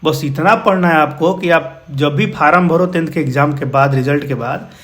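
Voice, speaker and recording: Brisk encouraging man teaching physics. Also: a little high, fairly bright tone. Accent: Bihar. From India. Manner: informal, encouraging, calls students "my brother". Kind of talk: explaining exam problems.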